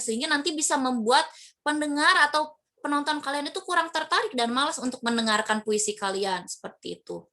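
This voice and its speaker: A woman's voice: on the high side, pushed and bright. A woman teacher giving an online lesson to her class, explaining patiently with many fillers and rhetorical questions.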